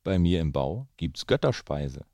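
A man's voice: extremely low pitch, sing-song, measured pace, warm tone, no room sound, full character voice. A man voicing a sly, hungry fox in a rhyming children's story.

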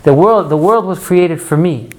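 A man teaching a Torah class to students, animated, asking rhetorical questions and mixing in Hebrew prayer phrases. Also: a little high, normal speed. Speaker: religious teacher.

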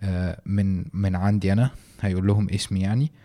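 Man, Egyptian Arabic accent, deep voice, soft dark tone, casual podcast host, hesitant phrasing, frequent pauses. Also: steady tone. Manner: halting, hesitant delivery with many drawn-out pauses. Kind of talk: casual, unscripted podcast talk.

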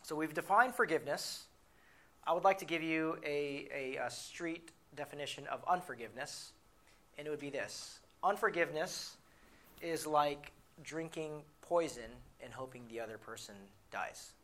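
Middle-aged guy giving a talk, bright voice, gets loud then drops way down when telling his stories. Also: a little high, moderate pace. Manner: animated storyteller, shouts in acted quotes, drops to quiet asides. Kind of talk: motivational talk with personal stories.

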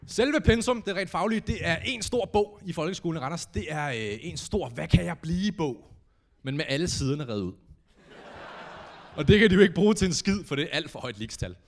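A young man performing a stand-up comedy set on stage, telling stories animatedly and acting out quotes with sudden shouts. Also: on the high side. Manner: animated storytelling, acts out quotes with big shouts. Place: comedy stage before a live audience.

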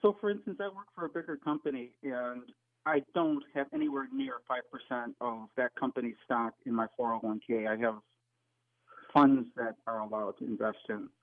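A man's voice: mid-range voice, normal speed, dry recording. A man of about sixty calling in to a radio show over a phone line, asking direct, probing questions. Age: 60s. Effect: heard over a phone line. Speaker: radio call-in caller. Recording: tinny dry phone line.

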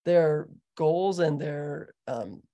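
An American man with a creaky, gravelly voice hosts in a casual way. His conversational delivery suits a relaxed podcast interview. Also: a little high, extremely slow, dull audio. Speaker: podcast host.

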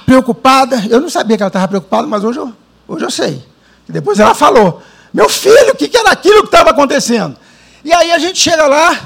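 A man from Brazil preaches with a strikingly high voice carrying a gravelly, fried edge. He tells his own story in an animated way, slowing down for dramatic pauses. His delivery moves between scripture reading and lively storytelling. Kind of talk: sermon with personal testimony.

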